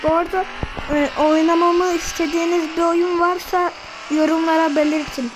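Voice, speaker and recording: A sick woman with a high voice chats through her gameplay, excitable and quick to yell slangy exclamations at the screen. A faint noise sits under her voice. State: sick, coughing. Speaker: gaming video maker. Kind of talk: casual gameplay commentary.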